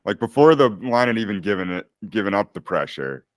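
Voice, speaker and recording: A man on a casual sports podcast, speaking in a quiet, understated way. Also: on the low side, sing-song, fairly quick, no echo, studio quality. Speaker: podcast panelist.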